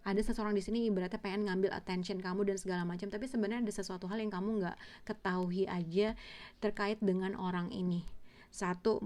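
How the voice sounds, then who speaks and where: A woman's voice: mid-range voice, a little mellow. A woman giving a casual tarot reading, rambling with many fillers and restarts and mixing in English words. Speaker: tarot reader.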